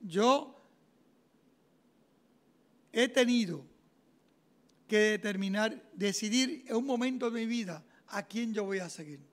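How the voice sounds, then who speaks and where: A man, preaching a homily as a deacon and telling his own story in an animated way, acting out the dialogue. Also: high voice, slow, long pauses. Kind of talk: sermon with personal testimony.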